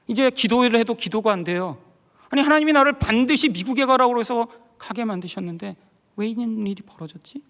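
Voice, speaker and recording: A middle-aged pastor with a high, bright, ringing voice tells his own story from the pulpit. He drops to a hush, then climbs into loud, emotional outbursts. A long reverb from the large sanctuary trails each phrase. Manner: softly sings a hymn's lines slowly. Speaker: guest pastor. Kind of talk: sermon with personal testimony.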